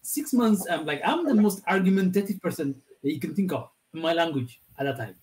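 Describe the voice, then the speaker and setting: The audio is poor as an Ethiopian-accented man, an Amharic native speaker, shares a casual story with a discussion panel via video call. He talks briskly in an expressive, fairly high, slightly mellow voice, wandering loosely and restarting phrases as he goes.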